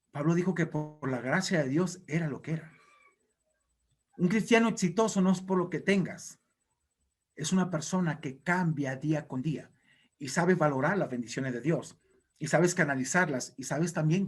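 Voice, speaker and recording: A male pastor delivers a sermon. His voice sits fairly high for a man, and he presses his points home emphatically, exhorting the congregation. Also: slightly rough.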